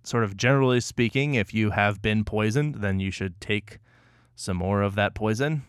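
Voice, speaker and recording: A man co-hosting a podcast, explaining a topic in a measured, slightly wry casual chat. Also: lowish voice, clean tone, no echo, clean studio sound. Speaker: podcast co-host.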